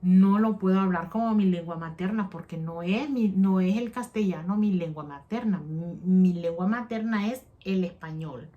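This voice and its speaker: Chatting casually to the camera for her vlog, a middle-aged woman rambles, keeps restarting her sentences and speaks directly to her viewers. Her voice sits fairly low and moves at a normal pace with hardly any pauses. The audio is narrow and tinny.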